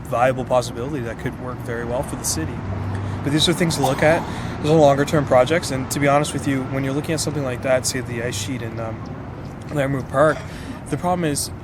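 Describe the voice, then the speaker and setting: A man with a Canadian accent giving measured, diplomatic answers as a councillor in a conversational interview. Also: medium pitch, fairly even intonation, background noise. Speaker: city councillor being interviewed.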